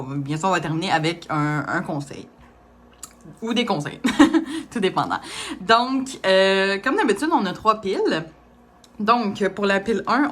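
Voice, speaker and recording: A woman's voice: fairly low pitch, fairly bright tone. Hesitant woman reading tarot. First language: French. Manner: hesitant, many fillers, light laughs. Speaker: tarot reader.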